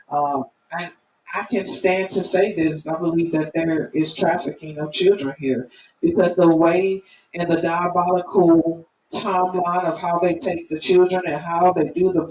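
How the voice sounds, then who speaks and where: A woman's voice: lowish voice, dark tone. Earnest woman streamer in echoing room. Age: middle-aged or older. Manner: earnest, halting, emphatic. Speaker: live-stream host. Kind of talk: informal spoken commentary to viewers. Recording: roomy, distant mic, faint noise.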